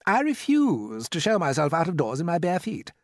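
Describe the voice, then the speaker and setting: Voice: medium pitch, huge pitch swings, moderate pace, no echo, studio quality, pitched above the performer's own voice. A storyteller voicing a vain, fussy centipede.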